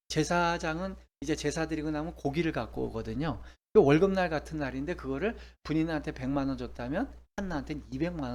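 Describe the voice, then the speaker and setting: A man's voice: on the high side, darkish tone. Middle-aged male pastor, emphatic sermon delivery, asks the audience many rhetorical questions.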